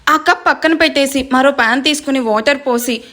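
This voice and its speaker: A woman storyteller narrating a romance story in a steady, expressive reading voice. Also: sits high, brisk.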